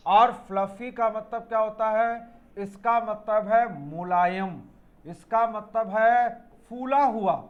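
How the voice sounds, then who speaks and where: A man's voice: high-pitched, slow pace, phone-quality sound. A man teaching an English spelling lesson for exam students, explaining step by step, spelling words out letter by letter and calling his students children.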